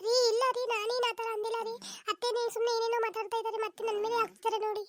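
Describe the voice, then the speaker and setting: A woman voicing a sharp-tongued young daughter-in-law in a comic cartoon, quick to retort and argue back. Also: very high voice, little pitch movement, noisy background. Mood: defensive.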